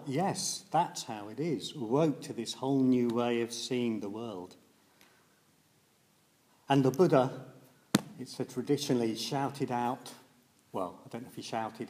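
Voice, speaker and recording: A Buddhist teacher with a mellow, mid-range voice gives a reflective dharma talk. He's hesitant and thoughtful, with many fillers.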